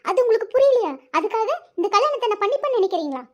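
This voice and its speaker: A woman's voice: very high-pitched, expressive, rapid-fire. A woman voicing a distressed young bride in a cartoon, earnest and upset. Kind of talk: cartoon voice acting. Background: background music.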